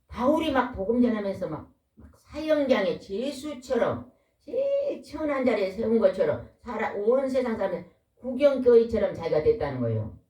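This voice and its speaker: A woman preaching a lively, folksy sermon, a pastor's wife who keeps asking the congregation questions. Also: fairly low pitch. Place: church hall. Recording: echoey hall, voice from far off.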